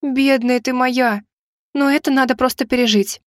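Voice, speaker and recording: A woman reading an audiobook voices a cheerful, caring young female friend in a lively, teasing, higher-pitched way. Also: moderate pace, dry recording, studio quality, natural voice. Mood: consoling.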